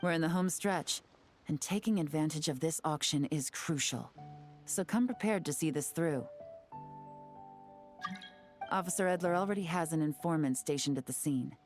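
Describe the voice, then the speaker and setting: A woman with a low, natural voice plays a cool, confident, shrewd intelligence agent in game character dialogue. She sounds confident and calculating, explaining in a composed, assured, measured way, with faint music in the background.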